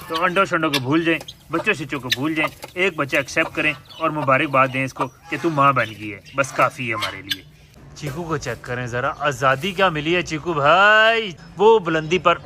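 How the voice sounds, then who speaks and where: A young man chats playfully as he films his pets at home. He scolds and coaxes the animals in a casual vlog style. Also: fairly high pitch. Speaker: pet and bird vlogger. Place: home yard with pet cages. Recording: outdoor recording with loud birdsong.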